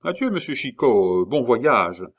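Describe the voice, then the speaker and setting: A man voicing an eager, apologetic male gate officer in an audiobook, speaking higher and louder than his narration. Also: animated, heavily acted. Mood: fawning. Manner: apologetic, fussy, hurried. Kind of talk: audiobook character reading.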